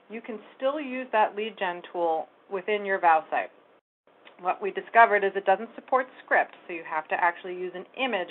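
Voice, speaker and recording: On a screen recording, a woman of ordinary female pitch, a real estate tech trainer, guides viewers through a website task. She chats through each step as she clicks, and the sound is thin and phone-like.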